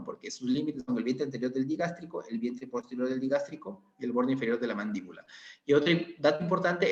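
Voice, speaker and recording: A man's voice: mid-range voice, a little mellow. A male anatomy lecturer explains slides step by step and keeps checking in with his students. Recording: echoey, dull lo-fi sound.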